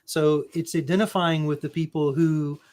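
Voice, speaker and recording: A man's voice: a little high, fairly even intonation, normal speed, a little mellow. A man co-hosting a podcast, explaining things at length in a casual way and often checking in with "right?" and "you know". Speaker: podcast co-host. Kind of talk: casual conversational discussion.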